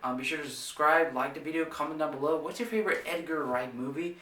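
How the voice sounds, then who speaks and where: A man's voice: on the high side, fast talker, bright, forceful tone, recorded from a distance. Man, casual movie review vlog, rambling fillers, echoey room, set back from the mic. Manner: rambling, many fillers and restarts; eager, enthusiastic. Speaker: movie reviewer, channel host. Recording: roomy, away from the mic.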